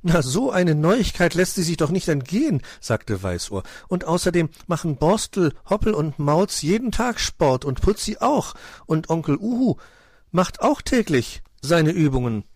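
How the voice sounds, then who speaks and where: A man doing an excitable young nephew. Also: on the high side, a little slow, no echo, studio quality, pitched above the performer's own voice, heavily acted. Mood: eager. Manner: excited, chattering. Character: eager young male nephew animal, excitable. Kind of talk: children's storybook reading.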